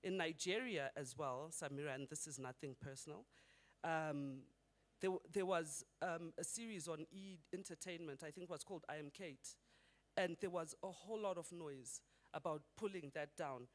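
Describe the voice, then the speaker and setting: A middle-aged conference speaker from Zimbabwe talks at a normal pace in a rather high voice. His delivery is chatty, and he throws rhetorical questions at the audience.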